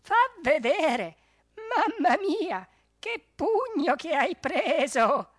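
A fretful young female animal from a storybook, very high and lively, drawing out her worried cries slowly. The recording is dry and close, with faint music behind. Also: no room sound, full character voice. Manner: fussing, worried exclamations. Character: anxious young female animal, a baron's companion. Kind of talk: storybook reading.

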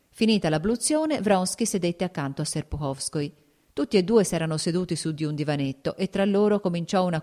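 A woman narrates a classic novel aloud for an audiobook, telling the story in a steady, even way. Her voice sits low, and the narration is scripted and literary.

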